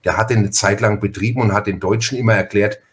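This podcast host from Franconia, Germany, talks fast in a fairly low, steady voice with his regional accent. He leads a casual interview, telling stories folksily and chattily, in fits and starts.

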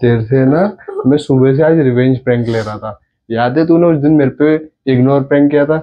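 A man's voice: medium pitch, brisk, highs cut off. A young man in a casual home vlog, teasing and chuckling as he talks to his viewers. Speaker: vlogger, husband doing a prank.

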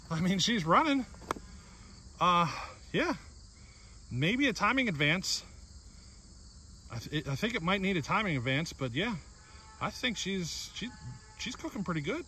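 A man's voice: high voice, big pitch swings, moderate pace, long pauses, bright, forceful tone, a little hiss or hum. Chuckling man vlogging outdoors. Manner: rambling, chuckling, filler-heavy. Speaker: chainsaw builder. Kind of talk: casual workshop vlog. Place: outdoors in a grassy yard. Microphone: camera close up, handheld.

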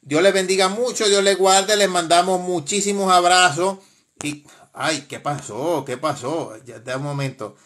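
A man's voice: high-pitched, measured pace, a bit bright. A man hosting a live stream, casually commenting in a mocking, laughing way, with frequent exclamations.

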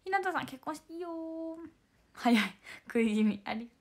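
A young woman with a hoarse, worn-out voice, chatting casually on a livestream and thanking fans by name. She slips back and forth between bright greetings and breathy half-whispers. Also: sits high, expressive, brisk. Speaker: idol livestream host. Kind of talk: casual livestream chat reading fan comments.

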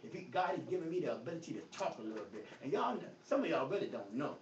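A high-voiced man, a pastor, preaches at a Bible study in a church hall, very animated and quick, his emphatic delivery jumping from loud bursts to near quiet, and he says he stutters. A phone across the echoey room catches him, so the lo-fi audio sounds distant, dull and faint with slight hiss.

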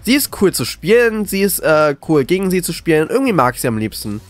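A man with a fairly high, very animated voice plays the scared horror game streamer. He is jittery and excitable, repeating words as he reacts live. Music plays faintly behind him. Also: quick pace. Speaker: gaming video creator.

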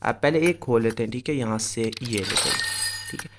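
A man with a medium-pitched voice talks fairly quickly over a noisy background, hosting a gaming video. He casually explains things straight to his viewers as he goes, giving screen-recorded game commentary.

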